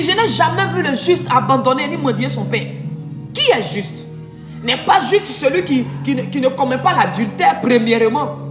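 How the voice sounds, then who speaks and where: High-voiced woman preaching over music. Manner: emphatic preaching with sung, drawn-out phrases. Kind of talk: sermon. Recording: echoey room with music behind.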